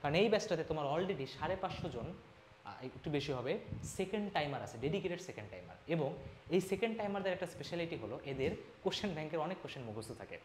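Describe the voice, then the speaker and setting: A young man teaching an admissions class talks fast and emphatically, urging students along in an energetic pep talk. His voice sits fairly high. The room is echoey, with a faint ambient hum behind him. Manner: fast, emphatic, switches between formal and informal address.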